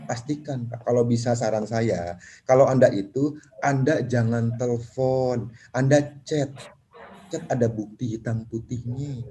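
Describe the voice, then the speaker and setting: A man speaking at a property seminar, animated, acting out clients in quick voices. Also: medium pitch. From Indonesia. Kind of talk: lively seminar talk.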